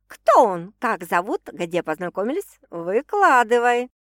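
A woman's voice: medium pitch, big pitch swings, unhurried, a bit bright, no room sound. A woman voicing a playful, eager young woman teasing a friend for gossip, in a dry recording.

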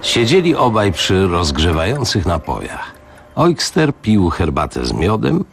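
Man, audiobook narrator, very low voice, gravelly, animated delivery, faint music behind. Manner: expressive, dramatic narration. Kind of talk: audiobook reading for radio.

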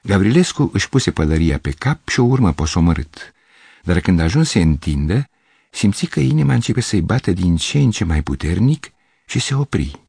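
A man narrating a literary short story in an audiobook, in a measured, steady way. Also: deep voice, gravelly, husky, no room sound.

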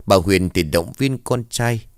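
A man with a very deep, clear and resonant voice narrates a somber story at a measured pace, steady and even throughout. The recording is close and dry, with no room around it.

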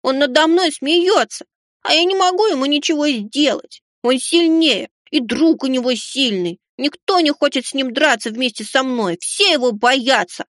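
A man's voice: very high voice, normal speed, fairly bright tone, dry recording, studio quality, voice pushed up. A man voicing a sulky, hurt little aristocratic boy who whines and mumbles. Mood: whiny. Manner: whiny, mumbling.

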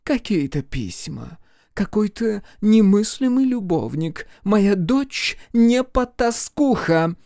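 A man's voice: high voice, very animated, takes it slowly, gravelly, dark tone, no echo, studio quality, pitched above the performer's own voice, heavily acted. A man doing an imperious, haughty mother. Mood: indignant. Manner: curt, imperious, clipped. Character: haughty, domineering middle-aged mother.

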